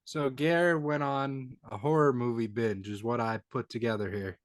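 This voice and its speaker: A young man hosting a casual sports podcast, leading the segments with brisk joking talk. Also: medium pitch, steady tone, no room sound, studio quality. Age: young adult. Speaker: podcast host. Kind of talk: casual chat.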